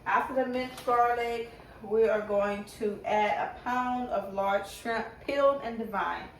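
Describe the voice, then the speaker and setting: A woman's voice: on the high side, a little slow. A woman who talks with braces, giving a casual cooking demonstration and thinking aloud in an informal way. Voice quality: speaking with braces. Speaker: home cooking vlogger. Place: home kitchen. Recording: roomy, distant mic, faint noise.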